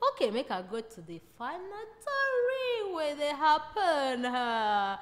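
Woman comic storyteller, Nigerian Pidgin accent, brightish pitch, reverberant room. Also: takes it slowly. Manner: lively, laughs at own jokes. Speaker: comedian storyteller.

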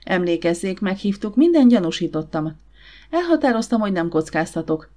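A woman's voice: on the low side, sing-song, dark tone. A woman reading the lines of a brusque, commanding nobleman in an audiobook. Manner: curt, blunt.

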